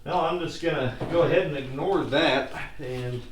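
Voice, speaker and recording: In a garage workshop, a DIY car repair video host works on a car while giving casual, hands-on instructions in a wry, self-deprecating, folksy manner. His voice runs on the high side at a normal speed. The mic is distant, and the recording is echoey and clearly noisy.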